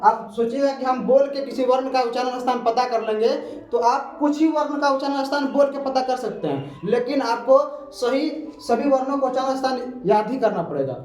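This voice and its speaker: High-voiced man teaching grammar. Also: a little fast, darkish tone. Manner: keeps asking questions and answering them himself; repetitive, patient explaining. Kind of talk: classroom grammar lesson. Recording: echoey room, far from the mic.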